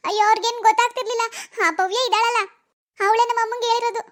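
Cartoon teen schoolgirl, voiced by a woman: very high, fast, anxious hushed asides. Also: steady tone. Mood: tearful complaint. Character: worried teenage village schoolgirl in love. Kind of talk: cartoon voice acting.

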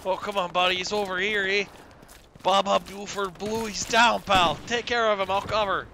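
A man's voice: sits high, fairly even intonation, moderate pace, vocal fry, pushed and bright. A man roleplaying in voice chat, laying on an exaggerated Canadian accent and calling everyone pal and bud. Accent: put-on Canadian. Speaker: gamer in voice chat. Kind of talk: in-character roleplay over game chat. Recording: noisy game chat over gunfire. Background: gunfire and explosions from a war game.

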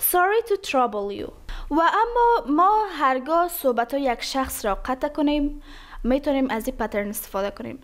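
With a high voice, a woman teaches English phrases, pronouncing each example slowly and carefully before explaining it quickly.

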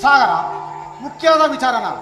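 An actor playing a grieving widowed father who heads a village household, declaiming loudly in a stage drama. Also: very high voice, expressive, a little slow, reverberant, in a large hall, music in the background. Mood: resolute. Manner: loud, declamatory lament.

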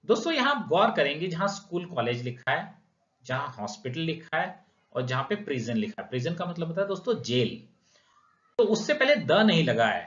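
A man with an Indian accent teaching English grammar in Hindi, calling viewers friends, asking and answering his own questions and reading example sentences slowly. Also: on the high side, big pitch swings, a bit bright. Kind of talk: grammar lesson explaining rules with examples. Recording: echoey room, dull lo-fi sound.

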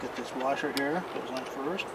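An older homesteading-channel host explains chainsaw repair while he works in his backyard, giving a casual how-to demonstration in a folksy, rambling, plain-spoken way. His mid-range voice moves at a moderate pace. A camera mic picks him up from a distance, and outdoor noise runs through the recording.

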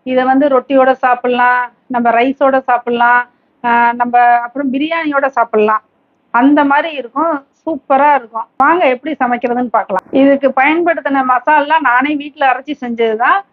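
A woman hosting a home cooking channel, calmly walking through each step and ingredient. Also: sits high, normal speed, dry recording, narrow, tinny audio. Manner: calm, instructive, listing ingredients steadily. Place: home kitchen.

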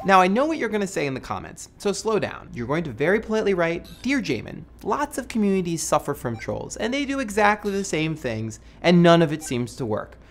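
This American web host, in his thirties, speaks a scripted video essay straight to camera, emphatic and wry yet conversational. He sounds high-pitched and very animated, talking a little fast with few pauses. A music bed plays in the small indoor studio, and there is slight background noise.

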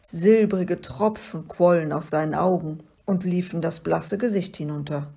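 Woman with a gravelly, husky voice reading. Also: lowish voice, a little slow, mellow. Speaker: reader. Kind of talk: storybook reading aloud.

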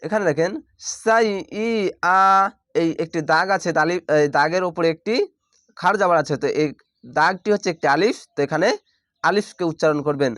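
A man teaching Quran reading, spelling out each syllable and then drawing the word out slowly. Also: on the high side, fairly bright tone, no echo, clean studio sound. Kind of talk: step-by-step spelling lesson.

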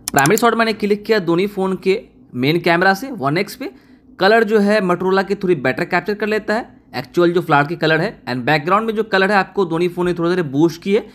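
A man narrating a casual voice-over review as a tech reviewer, steady and explanatory, walking the viewer through each detail. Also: sits high.

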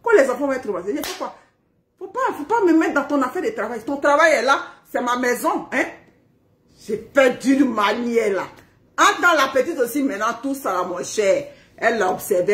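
A high-pitched middle-aged woman tells her viewers about life at home in a loose, chatty live stream. She laughs often and acts out family arguments with lively energy. Her voice rings in an echoey room. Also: moderate pace. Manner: animated, laughing, acting out family quarrels. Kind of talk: casual storytelling to viewers. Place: at home, indoors.

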